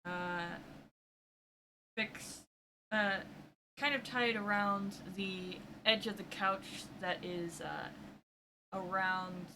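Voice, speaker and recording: A woman's voice: mid-range voice, fairly even intonation. Hesitant woman player, noisy recording. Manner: hesitant, halting, many fillers. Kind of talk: casual tabletop play. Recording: noticeable background noise.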